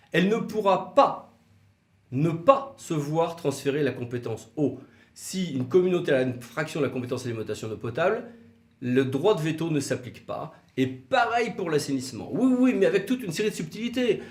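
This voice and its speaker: This man's voice sits on the high side and sounds a little mellow. He gives a didactic legal explanation in a semi-scripted video, asking rhetorical questions and stressing key words, and the room sounds roomy and echoey.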